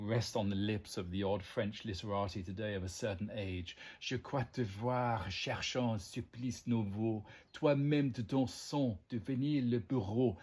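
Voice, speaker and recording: A man's voice: on the low side, creaky, a little mellow, husky. An Englishman hosting a language channel, musing to the listener in an erudite, meandering way, with frequent ums and asides. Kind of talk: reflective monologue to the listener.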